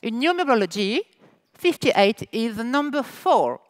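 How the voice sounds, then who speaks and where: A woman's voice: on the high side, very animated, no echo. A woman with a French accent hosting a festival opening ceremony on stage, joking playfully and switching between French and English. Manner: playful, teasing, deliberate delivery. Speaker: ceremony host. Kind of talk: bilingual ceremony hosting with jokes. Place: festival stage before an audience.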